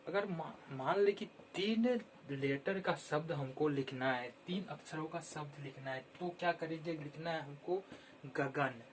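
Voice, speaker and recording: A man teaching children how to spell words, repeating each word slowly and clearly. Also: fairly high pitch, a bit bright, a little hiss or hum. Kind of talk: slow, patient Hindi spelling lesson.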